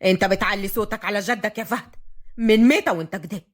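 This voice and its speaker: An old Upper Egyptian grandfather rules his household in a deep, firm voice, as a woman narrator puts him on. He is strict and authoritative, speaking with an Upper Egyptian accent in an audio storybook. Every order comes out heavy and final. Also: animated, fast. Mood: stern. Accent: Upper Egyptian Arabic. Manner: stern and commanding.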